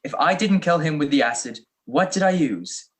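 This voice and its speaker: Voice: mid-range voice, expressive, moderate pace, close to an everyday voice. A performer playing Nick Charles's part as a wry, unflappable male detective, teasing and sarcastic, in an old-style radio mystery. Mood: mock puzzled. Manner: dry, teasing, sarcastic wit. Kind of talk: 1940s detective radio play acting. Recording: video call recording.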